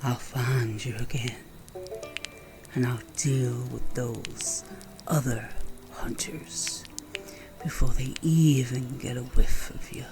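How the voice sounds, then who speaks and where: In a Western audio roleplay, a man voices a flirtatious, roguish werewolf bounty hunter with a teasing, theatrical Southern American drawl, here sounding wounded and vengeful. His medium-pitched voice is fairly even, slow, and broken by frequent pauses. Music plays underneath, and the recording quality is low.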